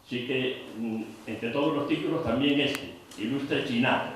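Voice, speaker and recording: A man's voice: medium pitch, moderate pace, slight background noise. A man in the audience, recalling personal memories in a reflective, hesitant way. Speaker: audience member. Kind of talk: personal reminiscence. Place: cultural centre hall. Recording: very echoey hall, distant mic.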